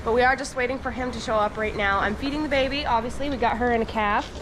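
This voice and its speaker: A dairy farm worker chats straight to viewers from a barn full of calves and cows, her slightly high voice stuffy and congested from a cold. She speaks quickly with a steady tone, and the barn recording is noisy.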